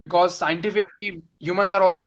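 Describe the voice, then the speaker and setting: Young male student, North Indian accent, higher-pitched, quick delivery, formal questioning in an online class. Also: fairly even intonation. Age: young adult. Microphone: online call microphone. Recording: muffled, low-fidelity online call audio.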